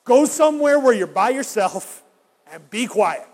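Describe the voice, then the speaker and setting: A man with a notably high voice preaches a sermon, his words ringing out with a long reverb in a large church hall. He talks to the congregation in a conversational way and keeps asking them rhetorical questions. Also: sing-song, measured pace, darkish tone. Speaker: pastor.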